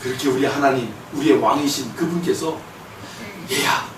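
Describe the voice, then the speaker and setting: A male pastor preaches with a high, lively voice that leaps up and down, punctuating his sermon with shouts and pointed questions. He stands well away from the mic in a ringing sanctuary, and a faint hum sits underneath. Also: normal speed. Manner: emphatic, with shouted bursts and rhetorical questions. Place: church sanctuary. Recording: echoey hall from a distant mic.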